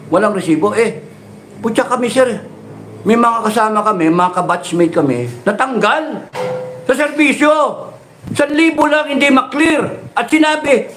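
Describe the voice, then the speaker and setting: A man's voice: sits high, slight background noise. A middle-aged man, delivering an impassioned political rant full of mocking rhetorical questions and swearing. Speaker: political speaker.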